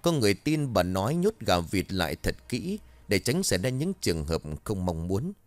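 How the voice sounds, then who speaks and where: A man narrating a scripted village ghost story in an expressive storytelling manner. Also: fairly low pitch, normal speed, no room sound.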